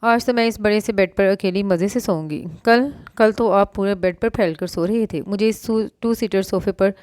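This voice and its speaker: A woman's voice: medium pitch, darkish tone, smooth, dry recording, studio quality, natural voice. A woman reading the part of a tearful, fiery young wife in a storybook novel, speaking in a choked voice. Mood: angry.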